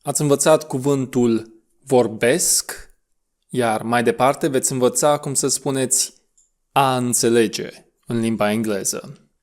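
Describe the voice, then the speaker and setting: A man leading an audio lesson on English pronunciation. He gives quick instructions and then draws out the model words slowly. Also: mid-range voice. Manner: slow, drawn-out model words between brisk instructions.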